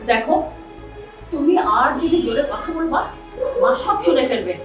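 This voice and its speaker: An actress playing a gentle pregnant young wife who speaks in anxious, hushed tones. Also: female voice, high-pitched, expressive, a little slow. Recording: roomy echo, music behind.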